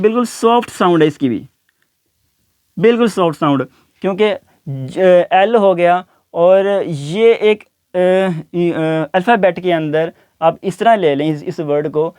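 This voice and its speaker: High-voiced man teaching pronunciation. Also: darkish tone, clean tone, no room sound, studio quality. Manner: repeats each word slowly several times. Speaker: English teacher. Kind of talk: explaining pronunciation to learners.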